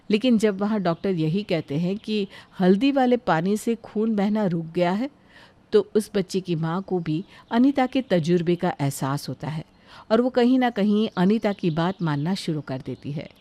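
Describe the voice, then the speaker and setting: A woman tells a moral story at an even, measured pace. Her voice sits lowish and plain for the narration.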